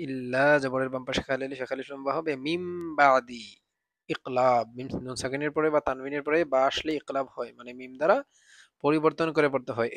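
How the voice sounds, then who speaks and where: A man teaching Quran reading, who spells out each letter and vowel mark and then chants the verse slowly and drawn out. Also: mid-range voice, dry recording. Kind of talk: spelling out and reciting Quranic words for learners.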